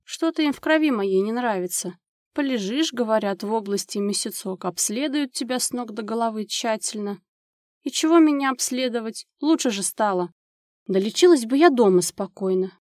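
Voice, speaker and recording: A woman's voice: on the high side, moderate pace, no echo, studio quality, lightly acted. A woman voicing a sick young mother in hospital, complaining and weepy. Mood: fretful.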